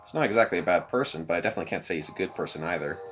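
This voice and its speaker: A young man hosting a let's play, reading a visual novel aloud with expressive commentary. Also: sits low, racing, soft background music.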